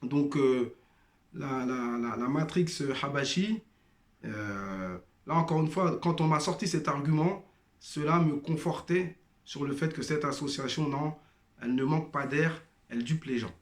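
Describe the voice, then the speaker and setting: Unhurried and with lively intonation, this man's fairly high voice carries through a roomy-sounding space. He's a former member sharing his personal testimony with brothers and sisters, hesitating with many fillers and restarts. He does not speak Arabic as a first language.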